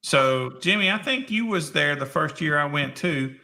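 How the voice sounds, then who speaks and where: A man's voice: fairly high pitch, expressive, moderate pace, gravelly, bright, forceful tone. A man hosting a casual live-stream chat in an easygoing, folksy way. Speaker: show host.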